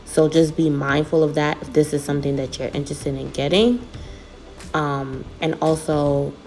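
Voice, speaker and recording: A woman in her thirties chats her way through a wig review in a casual, self-deprecating tone. Her voice sits low with a gravelly fry, and soft music plays faintly behind her. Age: 30s. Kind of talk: casual product review vlog.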